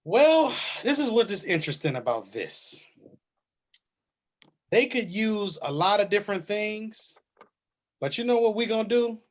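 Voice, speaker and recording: A man's voice: high-pitched, very animated, unhurried, long pauses. A man on a sports talk panel, confidently breaking down draft picks.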